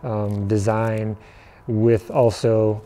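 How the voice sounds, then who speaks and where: A man in his thirties, a furniture maker and company founder, telling his own story to camera in a relaxed, reflective way, with fillers and restarts, standing outdoors in front of a building. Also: fairly low pitch, drawn-out words, slight background noise.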